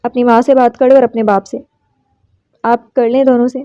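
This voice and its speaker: Storybook uncle, kind and fatherly, read by a woman, mellow, higher-pitched read, dull lo-fi sound. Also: little pitch movement, clean tone, close to an everyday voice. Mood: gentle. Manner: soft and affectionate. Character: kindly elderly male uncle, gentle and fatherly. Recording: slightly dull lo-fi recording.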